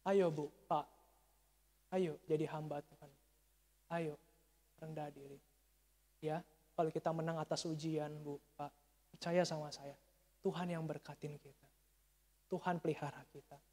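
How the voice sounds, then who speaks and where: A male pastor preaching a sermon, telling a story with lively swings and calling to the congregation as he goes. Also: fairly high pitch, measured pace, pauses often. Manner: animated storytelling, addresses congregation as Pak and Bu. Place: church sanctuary. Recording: church hall reverb.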